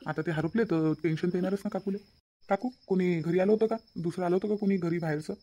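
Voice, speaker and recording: Brief: a man as generous young village nephew in a cartoon; warm-toned, rapid, reassuring. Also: sits high, fairly even intonation. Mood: earnest. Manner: reassuring, earnest. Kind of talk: cartoon voice acting.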